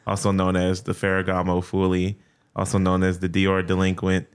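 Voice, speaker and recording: A man guesting on a podcast, chatting casually with laid-back deadpan jokes. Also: low voice, moderate pace, smooth. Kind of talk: casual chat.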